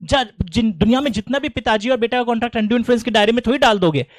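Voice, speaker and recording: A middle-aged man with an Indian English accent teaching law to a classroom, animated and teasing, reciting definitions slowly word by word. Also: very high-pitched, dry recording.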